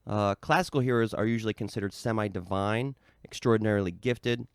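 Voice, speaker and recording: Man, American accent, podcast co-host, fairly low pitch, relaxed explaining, filler-heavy, dry sound. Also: brisk, clear, resonant tone, no echo. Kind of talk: casual podcast chat, explaining from notes.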